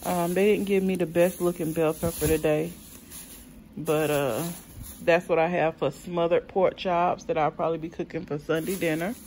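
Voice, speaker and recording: In a low, steady, darkish voice, a South Carolina woman chats with viewers about the groceries she bought. She's unhurried and talkative, full of ums, and calls her audience y'all. Slight background noise is present.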